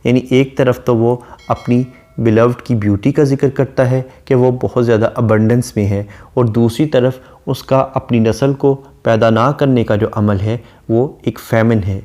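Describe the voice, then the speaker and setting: A man lecturing on a poem, reading each line slowly and then explaining it in steady, methodical detail. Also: mid-range voice. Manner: reads verse slowly, then explains at length. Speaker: literature lecturer.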